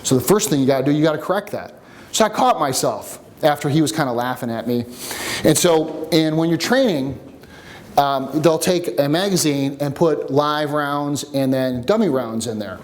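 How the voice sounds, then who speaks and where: A man coaching a workshop group, teaching with jokes and a personal story in an animated way. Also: a little high, normal speed. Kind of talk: seminar teaching with stories. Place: room with a live audience.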